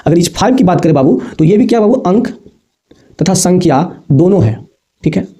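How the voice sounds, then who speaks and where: A man's voice: sits high, expressive, fairly quick, mellow. A man teaching a basic maths lesson to students, repeating points patiently and calling them affectionately. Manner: repetitive, addresses students as babu and bachchon.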